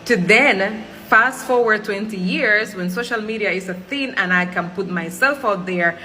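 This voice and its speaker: A woman in her forties from Cuba, whose first language is Spanish, speaks English with an accent blending Cuban Spanish and Jamaican Patois. Her mid-range voice is pushed and bright at a moderate pace as she delivers an earnest, pleading personal monologue, repeating phrases for emphasis. The low-quality recording carries a little hiss or hum.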